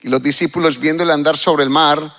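A man's voice: fairly high pitch, steady tone, a little fast, fairly bright tone. A middle-aged male pastor from Colombia, preaching a sermon and reading scripture aloud with dramatic emphasis while asking his congregation questions. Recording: long hall reverb.

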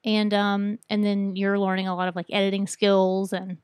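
A woman's voice: medium pitch, little pitch movement, moderate pace, a little mellow, clean tone, dry recording, clean studio sound. A woman co-hosting a podcast, chatting casually and carrying the talk in long rambling turns. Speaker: podcast co-host. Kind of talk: casual chat.

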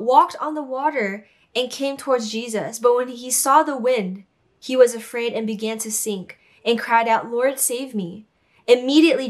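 Young adult woman, podcast devotional host, slightly high voice, earnest and encouraging, casual delivery. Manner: earnest, encouraging, casual fillers like "guys" and "right?". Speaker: podcast host and ministry leader. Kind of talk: devotional talk and prayer.

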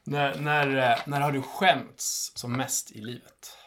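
Very deep-voiced woman interviewer. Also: fairly even intonation, background noise. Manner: curious, probing questions, laughs easily. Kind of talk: casual interview chat.

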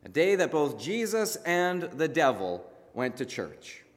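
A male pastor preaches a narrative sermon, building drama with deliberate pauses. His voice sits a little high. A long reverb trails each phrase through the large church room. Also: very animated. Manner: dramatic retelling with emphatic pauses. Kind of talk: sermon storytelling.

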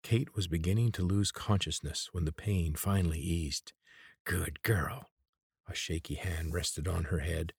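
A man narrating a fantasy audiobook in a measured, steady way. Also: sits low, gravelly, husky, no echo, studio quality. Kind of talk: scripted narration.

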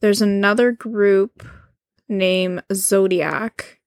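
A woman's voice: mid-range voice, steady tone, drawn-out words, no echo, studio quality. A woman co-hosting a podcast in casual chat, agreeable and teasing, often answering in short replies. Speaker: podcast co-host.

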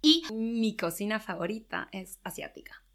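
A woman's voice: medium pitch, moderate pace. A woman from Buenos Aires with an Argentine Spanish accent, co-hosting a casual podcast chat and laughing often as she talks. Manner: laughs often, relaxed and self-deprecating. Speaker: podcast co-host.

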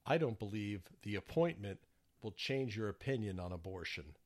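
A man reading his prepared theater reviews in a measured scripted narration. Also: fairly low pitch, animated.

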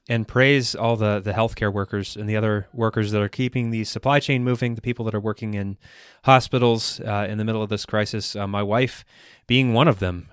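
A man's voice: on the low side, a bit bright, clear, resonant tone, no echo, clean studio sound. A man in his thirties hosting a podcast in casual chat, rambling with lots of fillers and restarts. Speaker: podcast host.

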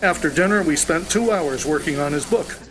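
A man's voice: on the high side, normal speed, a crowd in the background, lightly acted, rough recording. A man voicing a formal, precise personal aide in an audio drama, answering questions stiffly and deferentially.

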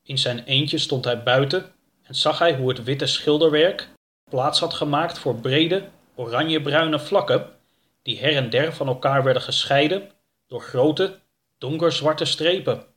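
A man's voice: on the high side, measured pace, fairly bright tone. Man reading a children's book aloud. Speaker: audiobook narrator. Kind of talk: scripted narration of a children's book.

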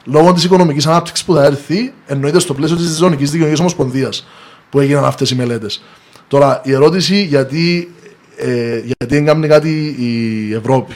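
Higher-pitched Cypriot Greek man. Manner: explanatory, opinionated. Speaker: podcast guest giving opinions. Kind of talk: political podcast discussion.

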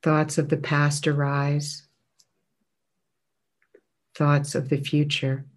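A man leading a guided breath meditation as a teacher, speaking gently in measured phrases with long pauses between them. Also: a little high, monotone.

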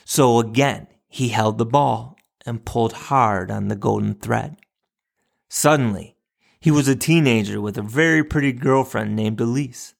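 A podcast host for teachers, reading a fable aloud in a measured, reflective manner. His voice carries a noticeable gravelly fry at an ordinary male pitch. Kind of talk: storytelling narration and podcast outro.

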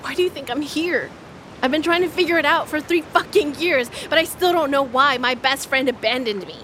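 A high female voice from an actress plays a young woman who is defensive, bitter and bewildered. It is audio drama acting, with clear watery, engine-like noise behind her. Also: brisk, a bit bright.

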